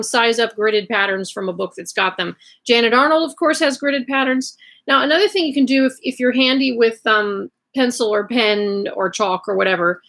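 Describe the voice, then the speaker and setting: Creaky-voiced Southern American woman, chatty. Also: fairly high pitch, fairly bright tone. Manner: chatty, rambling asides. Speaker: livestream host sharing sewing resources. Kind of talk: casual explanatory chat to camera. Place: indoors at home, in bed in a bedroom.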